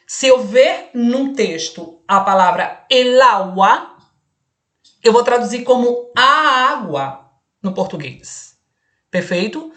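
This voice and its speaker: Slow, patient woman teaching Spanish. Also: fairly high pitch, a bit bright. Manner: slow, patient, checks understanding with "perfeito?". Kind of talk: online exam-prep lesson.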